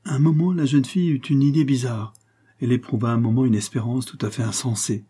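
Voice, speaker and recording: A man narrating an audiobook with a measured, steady literary reading. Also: mid-range voice, husky. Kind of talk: scripted narration.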